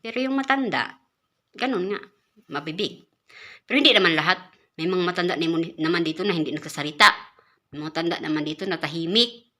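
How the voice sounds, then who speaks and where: A woman from the Philippines talks to her viewers in a loose, chatty vlog. Her voice is bright and clear. She often repeats and restarts words and breaks into laughs as she goes. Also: lowish voice. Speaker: caretaker vlogger. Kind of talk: casual vlog talk.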